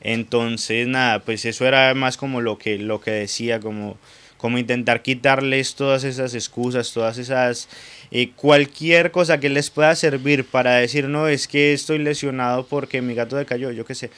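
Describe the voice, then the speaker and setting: A man's voice: mid-range voice, steady tone, normal speed, fairly bright tone, clean tone. A man from Colombia with a Colombian accent, talking in a casual radio sports debate and often restarting his sentences. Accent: Colombian Spanish. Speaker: radio pundit.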